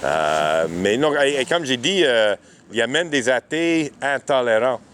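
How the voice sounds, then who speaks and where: A man's voice: mid-range voice, expressive, a little slow, fairly bright tone. A man in casual street conversation, speaking hesitantly and agreeably, with many small acknowledgements. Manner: hesitant, agreeable, frequent backchannels. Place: outdoors in a city. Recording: faint outdoor urban traffic noise.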